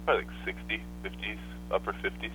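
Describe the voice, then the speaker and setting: A man talking over the phone as a songwriter guest, relaxed and loose, with many fillers. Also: lowish voice, quick pace. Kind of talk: casual phone interview. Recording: muffled phone line with faint hiss.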